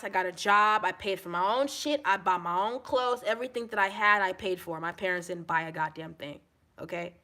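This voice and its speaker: A woman venting to camera in a profane monologue, angry and repetitive, swinging between shouting and low, subdued talk. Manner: angry, profane ranting with repeated phrases. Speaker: vlogger.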